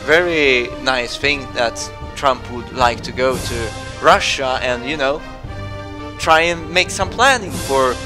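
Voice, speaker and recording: A man with a Swedish accent, a native Swedish speaker, rambling through news commentary with many fillers and restarts. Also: mid-range voice. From Sweden. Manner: meandering, full of fillers and restarts.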